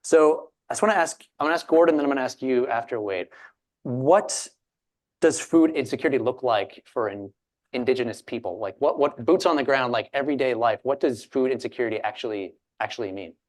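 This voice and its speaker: A man from Alberta moderates a panel in a loose, chatty way, stopping to restart his sentences and joke at his own expense. His voice sits at an ordinary middle pitch. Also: brisk. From Alberta, Canada. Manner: chatty, self-deprecating, many fillers and restarts.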